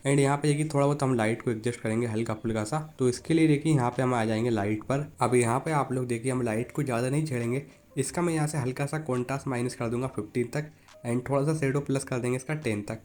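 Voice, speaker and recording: A man with a mid-range, darkish voice hosts a phone photo editing tutorial, narrating each step of the app. He is casual and chatty, calls viewers "buddy" (यार), and keeps telling them to look.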